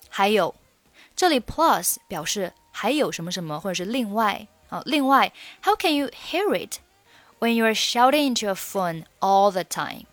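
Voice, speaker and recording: Woman English tutor explaining in Mandarin, patient and slow on key words, dry close sound. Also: medium pitch, a bit bright, no echo. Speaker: English teacher.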